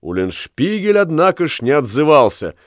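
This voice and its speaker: A man reading a story aloud as narrator, with lively, expressive delivery. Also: on the high side, normal speed, no room sound. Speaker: audiobook reader. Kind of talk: scripted narration. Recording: dry studio reading with faint music.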